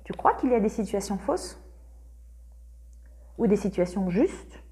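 A woman voicing a lazy, bantering young male painter who talks loudly and offhandedly. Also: medium pitch, expressive, unhurried, voice pushed down, lightly acted. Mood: teasing.

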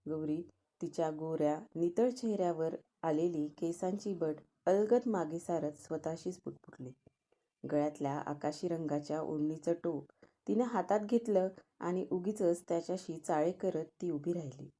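A woman narrating an audiobook story in a measured, expressive reading. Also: low-pitched.

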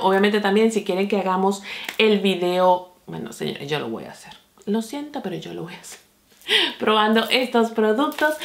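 Chatty, excitable woman beauty vlogger. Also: mid-range voice. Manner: chatty and excitable, calls viewers friends. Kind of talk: casual product review.

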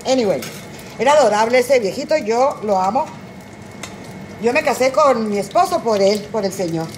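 A middle-aged woman with a Mexican Spanish accent chats on a phone livestream while she cooks in her kitchen, tipsy and high. She rambles through crude, joking stories in a voice pitched a little high. There is a faint hiss behind her. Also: animated, normal speed. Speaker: cooking livestream host. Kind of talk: casual livestream chat while cooking.

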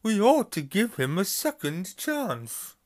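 Cheerful plump ghost monk, high and hearty, drawn-out words, voiced by a male reader. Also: very animated, heavily acted. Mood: jolly. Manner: kindly, cheerful. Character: fat jolly little monk ghost.

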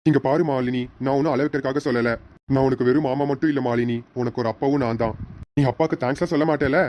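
A man's voice: mid-range voice, steady tone, fast talker, darkish tone, close to an everyday voice. A man voicing an earnest young uncle and groom who talks in a reassuring way. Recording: lo-fi with faint noise.

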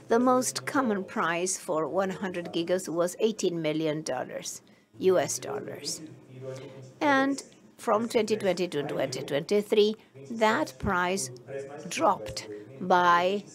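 A woman giving a simultaneous interpretation of a conference keynote, halting and filling pauses with many hesitation sounds. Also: medium pitch.

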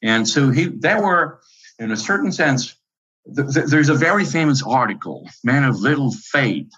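A man with an Italian accent, a professor guest answering at length in animated, lecturing speech with frequent fillers and restarts. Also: mid-range voice, normal speed, husky, dull audio. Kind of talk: interview answers.

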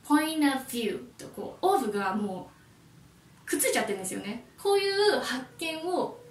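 A Japanese woman who teaches English, giving a friendly and lively YouTube lesson. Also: a little high, moderate pace, roomy sound, recorded from a distance.

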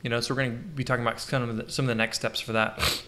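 A man hosts a casual live podcast, trading jokes with his co-host and wandering through his points. His voice sits in an ordinary middle range, relaxed and animated. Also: medium pitch, racing. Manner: jokey, rambling, animated.

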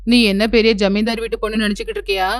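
A woman voicing a harsh, stingy mother-in-law in a cartoon story, with a sharp, bossy, scolding manner. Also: fairly high pitch, very animated, very fast, creaky, no echo, soft background music. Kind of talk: cartoon voice acting.

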